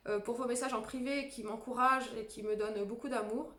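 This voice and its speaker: A woman coaching viewers through a self-help tapping routine, calmly guiding and repeating affirmation phrases. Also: on the high side, a little fast. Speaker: energy wellness coach. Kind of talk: guided self-help demonstration. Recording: echoey room.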